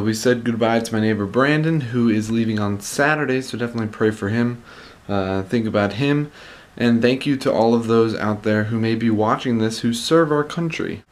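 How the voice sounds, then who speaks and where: A young man talking in a casual, conversational vlog style, leaning on words for emphasis, recorded at arm's length in a room at home. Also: lowish voice. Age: young adult. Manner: conversational, emphatic repetition for stress. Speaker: vlogger. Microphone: camera at arm's length.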